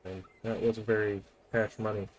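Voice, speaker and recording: A man's voice: fairly low pitch, little pitch movement, moderate pace, highs cut off. A man streaming a train game, chatting casually in a jokey, self-mocking way and laughing often. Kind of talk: casual gameplay chat.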